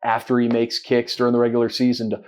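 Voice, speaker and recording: Male podcast co-host, mid-pitched, jokey and chatty, quick to laugh. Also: monotone. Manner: joking and chatty, laughs easily. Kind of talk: casual sports chat.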